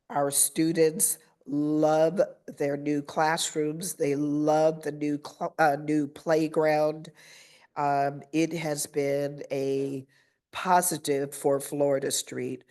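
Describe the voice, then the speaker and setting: A woman principal presenting her school's news at a school board meeting, pausing often with fillers and a little nervous. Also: little pitch movement, warm tone, smooth. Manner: halting with fillers, voices children's chants in a high pitch.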